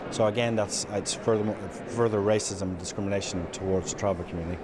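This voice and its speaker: A man explaining points as an interviewee in a news report, in a halting way. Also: on the low side, steady tone, crowd noise. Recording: noticeable background noise.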